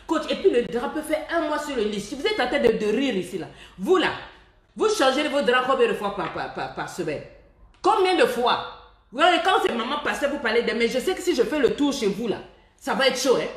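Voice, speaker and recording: A woman's voice: fairly high pitch, very animated, fairly quick. A middle-aged woman relationship coach giving blunt, mocking advice on a live stream, laughing often mid-sentence and dropping in English phrases. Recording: roomy echo.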